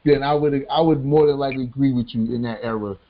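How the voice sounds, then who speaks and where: A man's voice: mid-range voice, fairly even intonation, quick pace. Laid-back man with a dull lo-fi sound. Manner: laid-back, repeats phrases, says yeah a lot. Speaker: podcast co-host. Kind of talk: casual chat.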